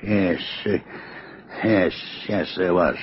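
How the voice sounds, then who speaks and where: An actor playing a gruff, older retired sea captain, hospitable but evasive, in an old radio drama. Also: male voice, low voice, takes it slowly. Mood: uneasy, evasive. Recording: muffled, noisy old radio recording.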